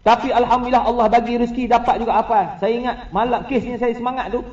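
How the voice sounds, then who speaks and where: A man's voice: extremely high pitch, quick pace. A middle-aged man with a Malaysian Malay accent, a religious teacher on a forum panel, telling personal stories with humor and often addressing the audience directly. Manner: lively storyteller who keeps addressing the audience as "tuan-tuan"; humorous, laughing between points. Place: prayer hall. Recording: echoey, dull prayer-hall recording.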